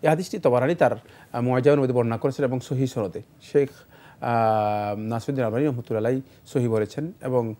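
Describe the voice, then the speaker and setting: Man, scholarly studio answers, mellow warm tone, measured delivery with fillers. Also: mid-range voice. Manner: measured, explanatory, many fillers. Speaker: Islamic scholar answering questions. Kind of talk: studio Q&A explanation.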